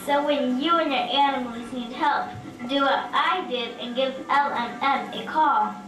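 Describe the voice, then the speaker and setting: A woman's voice: sits high, measured pace, reverberant, far from the mic, rough recording. A woman playing a chatty shepherdess. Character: cheerful young shepherdess girl.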